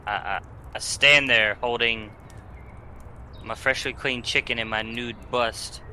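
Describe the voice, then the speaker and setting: Joking man with a bright, sharp voice. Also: medium pitch, fairly even intonation, a little slow, a little hiss or hum. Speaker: player. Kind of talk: casual tabletop play.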